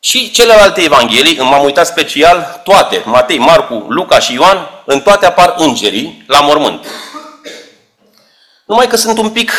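A man's voice: fairly high pitch, fairly bright tone. A man preaching a sermon, explaining scripture with rhetorical questions and shifting emphasis.

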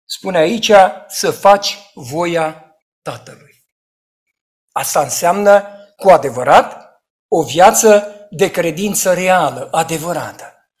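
A man preaching a sermon in an emphatic way, rising to loud outcries and dropping to hushed asides. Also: a little high, expressive.

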